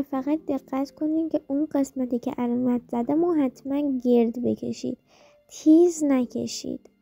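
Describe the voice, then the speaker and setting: A woman teaching a language lesson in a playful, scripted way, slowly drilling sounds with repetitions. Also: high voice, vocal fry, dark tone. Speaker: Japanese teacher.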